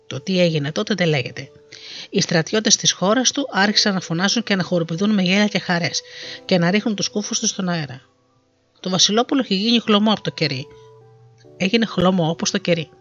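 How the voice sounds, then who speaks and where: Fairy tale storyteller, lively reading, muffled lo-fi sound, faint background music. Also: mid-range voice. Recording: dull lo-fi recording.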